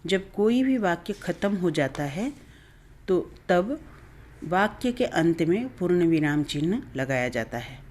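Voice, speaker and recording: A woman's voice: lowish voice, big pitch swings, slow, darkish tone. A woman teaching a Hindi grammar lesson, explaining step by step and often correcting herself.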